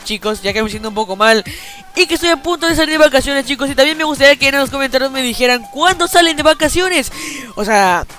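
A teenage gaming YouTuber chats slangily over his gameplay on a headset, mentioning he feels a bit unwell and weak and tacking "chicos" onto every sentence. His voice is extremely high, bright and forceful.

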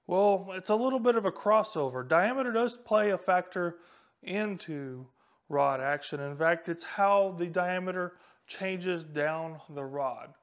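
A man's voice: high voice, unhurried, dull audio. A man, hosting a fishing channel and explaining gear casually to the camera in a small indoor room on a lapel mic. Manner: casual, talks straight to camera while handling rods. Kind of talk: instructional explainer. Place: small indoor room with a whiteboard and a tackle wall.

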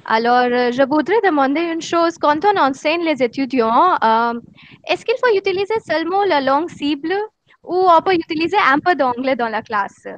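A woman from India putting a question to a lecturer on an online call. She speaks quickly with hesitant fillers, her voice high. The sound is dull and dry, like a video call. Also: expressive, dry recording. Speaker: webinar participant asking a question.

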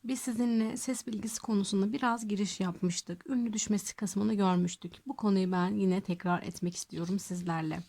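A woman teacher giving a grammar lesson, who asks her own questions and answers them, and slows down on the examples. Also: medium pitch, steady tone, darkish tone.

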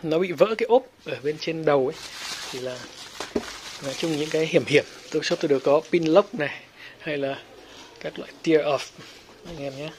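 A helmet shop owner chatting through an unboxing, pausing often with fillers. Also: mid-range voice, background noise. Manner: hesitant, many fillers. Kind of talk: casual unboxing vlog.

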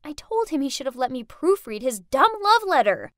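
A woman voicing a friendly, chatty young woman, a sister who talks frankly in an animated story. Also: high voice, moderate pace, no echo, studio quality.

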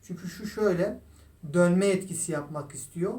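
A man's voice: high-pitched, moderate pace, a little mellow. Man explaining a guitar repair, distant mic. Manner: explains while working, keeps calling viewers "friends". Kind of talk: casual repair tutorial. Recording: echoey room, distant mic, noisy.

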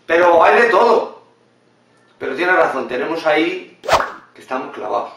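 A man giving blunt, animated vlog commentary in reaction to a video. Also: fairly high pitch, normal speed, gravelly, very noisy. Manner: animated, blunt and swearing, mimics others in funny voices. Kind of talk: casual opinionated commentary. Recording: very echoey room, mic at a distance.

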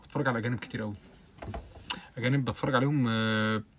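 A young man with an Egyptian Arabic accent, hosting a casual live stream, chatting with viewers and answering their comments, with bursts of loud laughter. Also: steady tone, a little hiss or hum. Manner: rapid chatty talk with frequent oaths and bursts of loud high laughter.

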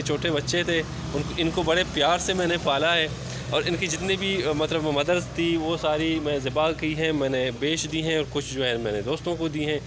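Chatty man touring his rooftop flock. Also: on the high side. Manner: chatty, repeats filler phrases. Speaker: poultry vlogger. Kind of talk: casual walk-through narration. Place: outdoor rooftop yard. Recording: outdoor ambient noise.

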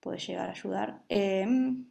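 A woman's voice: medium pitch, takes it slowly, creaky, dark tone, highs cut off. Woman, music teacher, online lesson, patient explanations, checks if students follow.

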